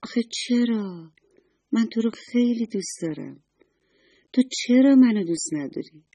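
A woman's voice: a little high, animated, breathy edge, no room sound, pitched above the performer's own voice. A woman doing a kind, coaxing sun lady. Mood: puzzled. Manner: bright, coaxing, affectionate. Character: kind motherly sun lady, cheerful and soothing.

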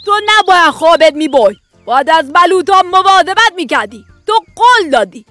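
A worried grown male squirrel, as a woman storyteller plays him, fussing over his acorns in a bedtime story. The voice sits high and sounds bright and sharp. Gentle children's music plays faintly underneath. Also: animated, heavily acted. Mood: scolding.

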